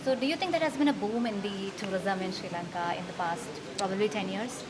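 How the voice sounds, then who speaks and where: Woman red carpet interviewer, polite and brisk, voice of ordinary height, crowd noise behind. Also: medium pitch. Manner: polite, prompting with short acknowledgements. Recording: noisy crowded event. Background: crowd chatter.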